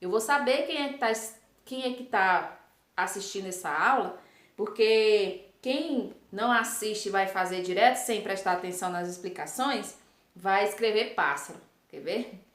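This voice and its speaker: A woman's voice: medium pitch, moderate pace, a bit bright. A primary school teacher, a woman, patiently explaining a worksheet in a recorded class, checking in often with short tag questions. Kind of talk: recorded remote class lesson. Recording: echoey room.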